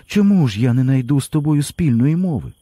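A man's voice: mid-range voice, lively intonation, fairly quick, warm tone, no room sound, studio quality, pitched above the performer's own voice, close to an everyday voice. A man voicing an anguished old peasant mother who pleads with her sons in an audiobook reading. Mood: anguished pleading. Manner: pleading, tearful.

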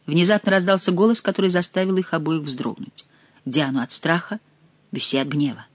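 A narrator reading a classic novel aloud in a close, dry recording with no room sound. The delivery moves between an even telling voice and soft, hushed passages for the quiet moments. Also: mid-range voice, fairly quick, no echo. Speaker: audiobook narrator.

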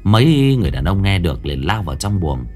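A man narrating a horror story in a dramatic, expressive storytelling manner. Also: deep voice, fast talker, soft background music.

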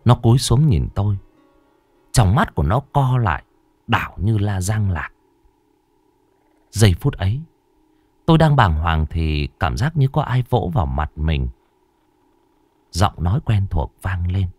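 Dramatic, lively male horror storyteller. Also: low voice, a little slow, pauses often, dry recording. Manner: dramatic, suspenseful reading. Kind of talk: scripted horror narration.

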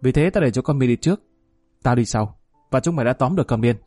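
A man voicing a cold, menacing male police officer among gangsters, speaking low and harsh in a story reading. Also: animated, fast, warm tone, no echo, faint music behind, lightly acted.

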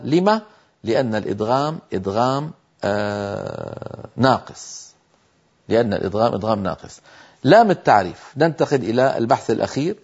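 A man leads a televised lesson on Quran recitation in a mid-pitched voice. He explains patiently, asks questions and then answers them, and slows down to show how each word should sound. The audio is dull and lo-fi. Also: darkish tone.

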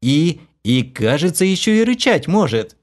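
A male audiobook reader voicing an excited, cheeky young woman gamer in a shrill, gleeful voice. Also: moderate pace.

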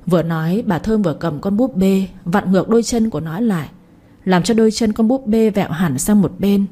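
A woman narrating a story in an even, gentle reading voice. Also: medium pitch, a little fast, slightly rough.

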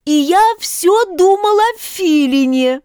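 A woman voicing a nervous male hatter on trial, stammering and pleading slowly. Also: extremely high pitch, lively intonation, dark tone, no echo, studio quality, pitched above the performer's own voice, heavily acted. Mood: fearful.

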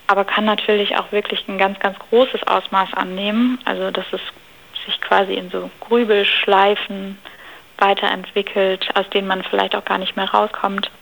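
A woman's voice: mid-range voice, vocal fry, a bit bright, slight background noise, poor audio. A woman speech therapist and psychologist explaining thoughtfully in an interview, often hedging and giving examples.

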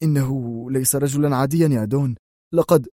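A man's voice: mid-range voice, brisk, a little mellow, dry recording, clean studio sound, voice pushed up, close to an everyday voice. A man voicing an indignant, hot-tempered mafia gunman in an audiobook, snapping out his lines. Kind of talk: audiobook character voice.

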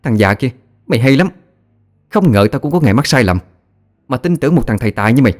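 A man's voice: medium pitch, lively intonation, fast talker, a little mellow, pitched above the performer's own voice, lightly acted. A man voicing a fierce female exorcist in an audio horror story, barking orders and scolding. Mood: furious.

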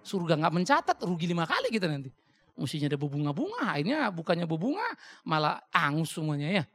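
A middle-aged man, a pastor, answering a congregation question with blunt, lively stories and acted-out dialogue. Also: a little high, quick pace. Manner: blunt, animated storytelling with mimicked dialogue. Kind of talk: sermon Q&A, anecdotal. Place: church hall.

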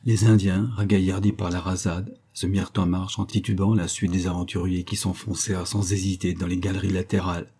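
Low, dark-voiced man narrating. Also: breathy edge. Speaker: audiobook reader. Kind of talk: scripted audiobook narration.

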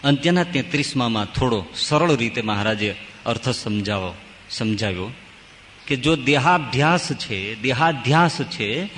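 Man preaching a sermon, emphatic storytelling voice, fairly high pitch, long hall reverb, faint background hum. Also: fairly bright tone. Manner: storytelling with emphatic rising and falling delivery. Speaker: swami giving a scripture discourse.

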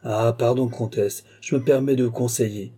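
Man doing a wily flattering old duke. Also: medium pitch, moderate pace, husky, close to an everyday voice. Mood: sly. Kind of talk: audiobook character voice.

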